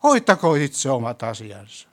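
A man's voice: medium pitch, big pitch swings. Man, preacher, church sermon and prayer, questioning, emphatic, mid-range voice. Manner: asks the congregation questions, rising to loud emphatic peaks.

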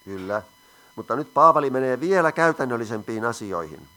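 Male preacher, crisp bright tone, teaching sermon with questions to the room. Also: mid-range voice, lively intonation. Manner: asks the audience questions, reads scripture aloud.

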